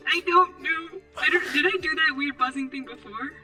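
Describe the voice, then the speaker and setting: A man's voice: very high-pitched, moderate pace, loud music behind the voice. A man playing a tabletop game whose voice comes through a hollow, echoing connection, as if he were talking from inside a hole. He answers in a confused, laid-back way. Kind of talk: casual chat.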